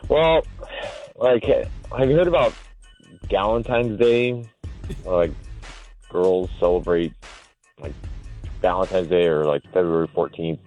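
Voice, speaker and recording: A man speaking over the phone, hesitant and halting, full of fillers and restarts. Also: low-pitched, darkish tone, faint music behind. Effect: heard over the phone. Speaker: phone call recipient. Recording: muffled phone-line audio.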